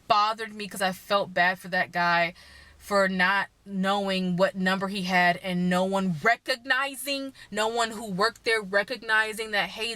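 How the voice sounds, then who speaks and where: A young woman from Texas, vlogging in a chatty, opinionated way, her pace running fast then slow. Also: medium pitch, sharp tone, dry recording. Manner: chatty, opinionated, speeds up and slows down. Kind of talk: casual vlog chat.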